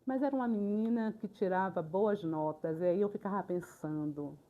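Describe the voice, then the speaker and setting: An older woman, a retired teacher telling classroom stories in a lively, colloquial way for a documentary. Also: medium pitch, moderate pace. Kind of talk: documentary interview storytelling. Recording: slightly dull, lo-fi sound.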